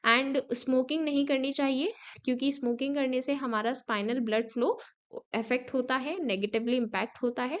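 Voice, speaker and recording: Indian woman teaching, bright and dull-toned. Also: on the high side. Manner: explanatory, mixes English terms, frequent fillers. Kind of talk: online class lecture.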